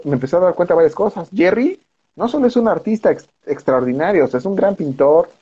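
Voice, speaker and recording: A male film director guest with a Mexican Spanish accent tells a long, animated anecdote in casual slang, acting out the voices of the people in it. His voice is on the high side with a dark tone, and the recording's highs are cut off.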